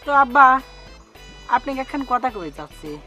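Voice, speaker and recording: Crude dumb son-in-law, man acting, pabna accent, bright edgy voice, faint music. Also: extremely high pitch, very animated, moderate pace, heavily acted. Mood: blunt. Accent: rural Pabna Bengali.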